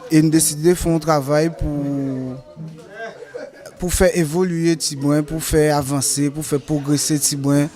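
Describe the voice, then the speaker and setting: Guadeloupean Creole-accented man, carnival director, dark mellow tone, faint music behind. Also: fairly high pitch, steady tone. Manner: halting French mixed with Creole phrasing. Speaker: artistic director of a carnival group.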